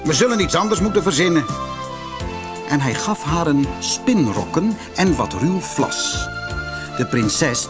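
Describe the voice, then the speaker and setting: A man from the Netherlands reads a fairy tale aloud with an animated, widely swinging delivery. His voice sits a touch high for a man. Quiet music plays softly in the background. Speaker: narrator. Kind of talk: fairy-tale audiobook narration.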